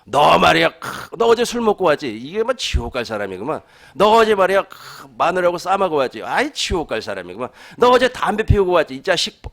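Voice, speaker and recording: A self-righteous male churchgoer, put on by a preacher, firing off accusations in contemptuous little jabs. The voice sits a bit high and swings widely in pitch as he sneers. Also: very animated, brisk, vocal fry, a bit bright, exaggerated voice. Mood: scolding.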